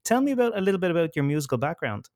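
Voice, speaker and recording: A man's voice: a little high, sing-song, rapid-fire, darkish tone, no echo, clean studio sound. A man hosting an interview, asking questions with enthusiasm and frequent stammering restarts. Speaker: interviewer, podcast host. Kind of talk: casual interview conversation.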